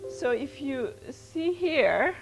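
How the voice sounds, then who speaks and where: Woman, middle-aged, pitched a bit high; lecturer introducing a workshop, hesitant and restarting often. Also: very animated, takes it slowly, gravelly, faint music behind, poor audio. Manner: hesitant, many fillers and restarts. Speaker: principal investigator opening a workshop. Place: lecture room.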